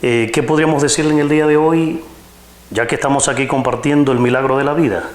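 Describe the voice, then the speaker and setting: A Dominican man hosts a faith interview from a radio studio, his voice sitting at an ordinary middle pitch. The room around him is echoey, and he speaks with formal, reverent greetings. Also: steady tone, quick pace. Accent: Dominican Spanish. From Dominican Republic. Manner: warm formal greetings, religious phrasing. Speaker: host.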